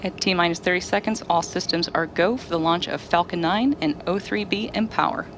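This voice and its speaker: A woman with a slightly low voice hosts a live launch webcast. She explains each step in a clearly enunciated presenter delivery. There is faint noise behind her. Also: brisk.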